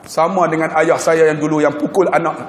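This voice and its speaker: A man delivers an animated storytelling sermon, jumping between loud exclaims and hushed asides as he acts out voices. His voice sits a little high. The sound is echoey, with a long reverb from a large mosque hall. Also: fairly quick, slight background noise. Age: 40s. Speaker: preacher.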